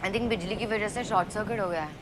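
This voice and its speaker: A woman's voice: medium pitch, racing, background noise, close to an everyday voice. An actress playing a young woman who defends herself in a quarrel with her boyfriend, in Indian English mixed with Hindi. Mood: defensive. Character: young woman, defensive girlfriend named Meera. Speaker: girlfriend arguing with partner. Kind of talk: web series dialogue.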